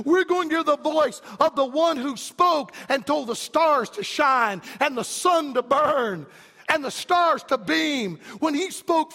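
A man preaching a fiery revival sermon in an emphatic, rhythmic cadence that climbs to shouts. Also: very high-pitched, gravelly, big-room sound.

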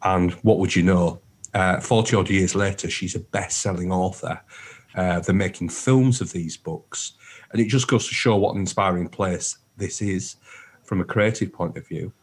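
A man's voice: low-pitched, steady tone, normal speed, slightly rough. A man co-hosting a radio show, chatting casually and enthusiastically. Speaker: radio co-host.

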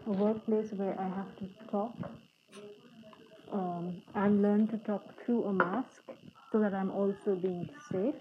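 A woman's voice: medium pitch, fairly even intonation, slow pace. A woman podcast host speaking through a face mask, in plain spoken talk and reading aloud. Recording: phone-like narrow band, faint background noise.

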